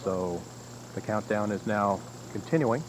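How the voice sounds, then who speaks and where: A man giving live countdown commentary as a launch announcer, in a measured, formal way. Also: fairly low pitch, animated. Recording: noisy archival broadcast audio.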